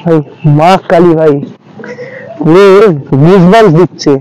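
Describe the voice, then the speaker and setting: A man's voice: fairly high pitch, steady tone, unhurried, mellow, clean tone, rough recording. A man chatting casually and spontaneously as he explores a spot for a ghost-hunting vlog. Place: outdoors at night in a dark field.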